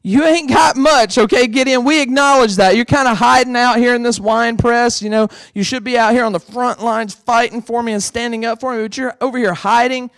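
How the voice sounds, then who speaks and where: A man's voice: very high voice, fairly even intonation, brisk, hardly any pauses, a bit bright, smooth, no echo, studio quality. A male pastor preaching a sermon in a playful, conversational way.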